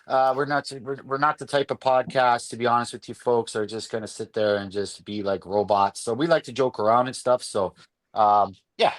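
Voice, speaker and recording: Animated man hosting sports radio. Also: mid-range voice, moderate pace. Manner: animated storyteller, laughs often. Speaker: radio sports show host. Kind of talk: casual sports radio chat. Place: radio studio.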